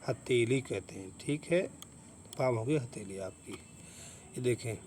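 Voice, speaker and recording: A man explains a rule step by step, spelling letters aloud and repeating himself patiently. His voice sits at a middling pitch. A faint hiss of noise runs under the recording. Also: slow, darkish tone. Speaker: English teacher. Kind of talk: explanatory lesson.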